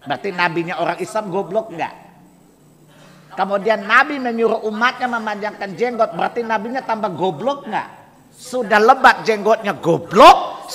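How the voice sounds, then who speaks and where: High-voiced guy preaching in a mosque, slang, keeps throwing questions at the crowd, echoey hall. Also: a bit bright. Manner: rhetorical, provoking the audience with repeated questions. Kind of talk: mosque sermon. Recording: long hall reverb in a mosque.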